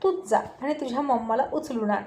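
A woman's voice: fairly high pitch, a little fast, mellow, reverberant, a little hiss or hum, close to an everyday voice. A woman voicing a confident, affectionate father who stands by his decisions. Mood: jovial.

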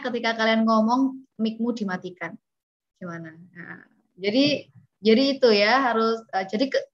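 A woman leads an online lesson on being a master of ceremonies. She explains in a loose, conversational way, full of fillers and questions to the class. Her voice comes through a muffled, lo-fi call connection. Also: mid-range voice. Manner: conversational teaching with many fillers and rhetorical questions. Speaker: MC skills trainer. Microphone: video call.

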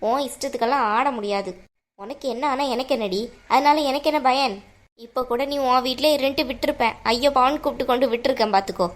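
A woman voicing a harsh, domineering mother-in-law in an animated cartoon, scolding in a bossy way. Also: high-pitched, fast talker, lightly acted. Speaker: voice actor.

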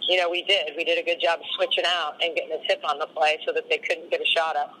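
Bright-voiced woman coach, post-game. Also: sits low, level tone, fast talker, rough recording. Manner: rambling, full of "you know" fillers. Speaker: head coach. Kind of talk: post-game press interview.

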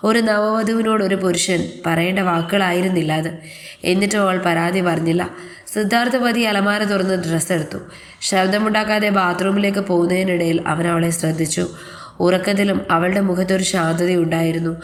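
A woman reading a scripted love story aloud in a calm, even narrating manner. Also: on the low side, fairly quick.

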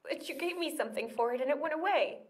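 An actress playing a frightened, pleading young patient in a video game, full of distress. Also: female voice, high voice, fast, far from the mic, natural voice.

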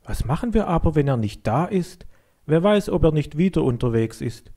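A man's voice: on the high side, animated, moderate pace, dark tone, pitched above the performer's own voice. A man voicing a doubtful, worried schoolboy in a children's story, speaking in a skeptical, questioning way.

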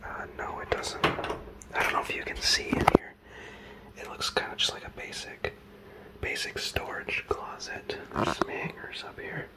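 A man in his thirties whispering a comedy sketch in a dark house, hesitant and full of fillers, close to a handheld phone. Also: normal speed, poor audio. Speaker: comedian host. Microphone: handheld phone camera close up.

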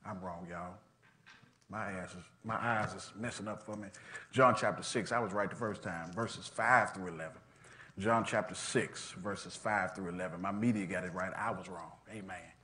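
A man's voice: deep voice, fairly even intonation, normal speed, bright, forceful tone, a little hiss or hum. A male pastor, preaching a sermon in a church with a rhythmic cadence and calling out to the congregation. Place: church sanctuary.

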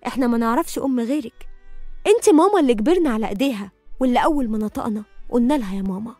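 Woman reading an earnest Egyptian teen girl, high and quick, in an audio story. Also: animated, warm tone, no echo, soft background music. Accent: Egyptian Arabic. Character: teenage girl loyal to her stepmother.

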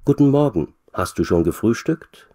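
Low voice, friendly worried woman, read by a man. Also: lively intonation, normal speed, mellow, no echo, clean studio sound.

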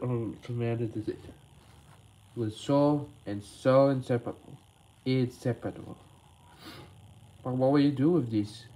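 A man voicing all the characters in a homemade toy animation, with halting, rambling delivery full of word slips. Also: mid-range voice, warm tone, low-quality recording. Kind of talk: homemade toy stop-motion voice acting.

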